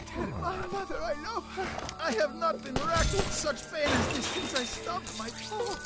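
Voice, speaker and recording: A woman's voice: very high voice, lively intonation, normal speed, loud music behind the voice. A woman playing an injured game worker, groaning and gasping in comically melodramatic pain. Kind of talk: video game character acting.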